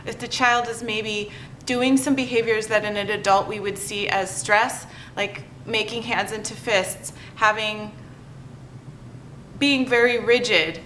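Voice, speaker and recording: Bright-voiced woman teaching slowly. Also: slight background noise, rough recording. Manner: demonstrates calm low affect, softening voice. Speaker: educator on child sensory needs. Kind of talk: instructional video talk.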